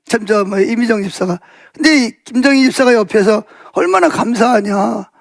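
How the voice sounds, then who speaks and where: A male pastor giving a Sunday afternoon sermon in a conversational storytelling way, full of fillers and asides, raising his pitch to act out quoted speech. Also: a little fast, no room sound, studio quality. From South Korea.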